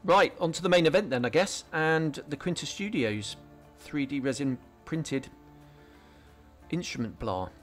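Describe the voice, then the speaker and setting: Over faint background music, a man with a fairly high voice and lively intonation takes his time explaining a scale modelling tutorial. He's the channel's host, giving a relaxed, casual voice-over step by step, with frequent ums and restarts.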